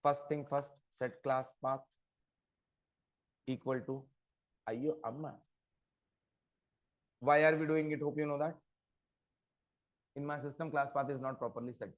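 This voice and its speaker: A man's voice: mid-range voice, little pitch movement, normal speed, long pauses. A man giving an interactive programming lecture, often stopping to quiz his listeners with short check questions. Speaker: programming instructor. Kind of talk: interactive live coding lecture.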